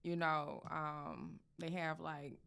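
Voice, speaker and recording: Low, gravelly-voiced woman telling her story. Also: slow pace. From St. Louis, USA. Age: young adult. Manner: relaxed, chatty, many fillers and quoted dialogue. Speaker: makeup artist guest. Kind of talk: casual interview storytelling.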